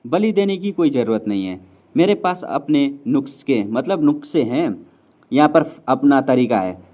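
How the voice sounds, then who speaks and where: A man's voice: medium pitch, lively intonation, measured pace. A man voicing a confident, cocky young male warlock hero who talks smugly and dismissively. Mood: calm. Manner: smug, dismissive. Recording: slightly dull lo-fi sound.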